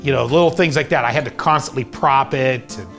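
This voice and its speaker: A man recalling his time producing a low-budget film in a relaxed, rambling interview. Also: fairly quick, soft background music. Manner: rambling, casual recollection with many fillers. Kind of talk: documentary interview.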